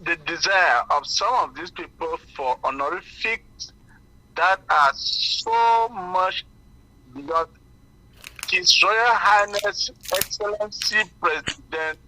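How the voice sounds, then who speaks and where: Male caller on a car speakerphone, higher-pitched and very bright, halting delivery over a thin phone line. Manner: hesitant, many fillers and restarts. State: driving while talking. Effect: car speakerphone call. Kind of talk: call-in radio talk.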